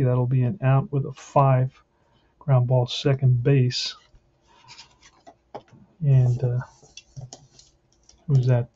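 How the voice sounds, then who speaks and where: A man's voice: medium pitch, dark tone. A man giving casual play-by-play of a tabletop baseball game, thinking aloud as he plays. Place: indoors at a tabletop. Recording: muffled lo-fi, faint noise with clicks.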